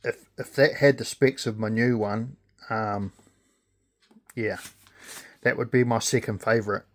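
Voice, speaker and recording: Slow-talking New Zealand man. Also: on the low side, fairly even intonation. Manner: halting, hesitant delivery with pauses. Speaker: gadget reviewer. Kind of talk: casual unscripted product review.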